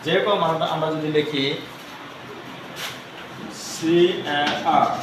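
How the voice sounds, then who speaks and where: A man giving an English lesson, explaining slowly and repeating example words. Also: fairly high pitch. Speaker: English teacher. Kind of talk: online lesson explaining to students. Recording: echoey room, mic far off, noise.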